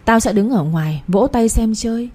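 A woman's voice: on the high side, lively intonation, normal speed, darkish tone. A woman voicing a sly, spiteful older aunt who schemes against the family, talking in a wheedling way.

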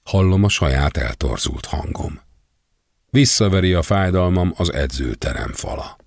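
A man's voice: sits low, lively intonation, creaky, a little mellow, no room sound, studio quality. A man reading an emotional first-person memoir aloud. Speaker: audiobook reader.

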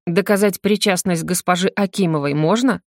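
A woman's voice: on the low side, normal speed, a little mellow, dry recording, close to an everyday voice. A woman voicing a confident, dry male detective who drawls his questions in an audiobook.

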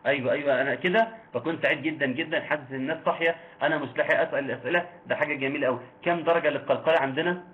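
A man with an Egyptian accent teaching Quran recitation, quizzing listeners and slowly chanting verses. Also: a little high. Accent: Egyptian Arabic. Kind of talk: online tajweed lesson. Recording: tinny phone-like line with faint noise.

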